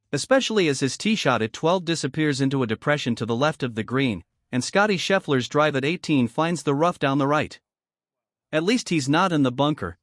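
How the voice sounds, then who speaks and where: Male sports highlights narrator, voice a touch higher than average, wry colloquial storyteller, scripted commentary, dry recording. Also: no echo.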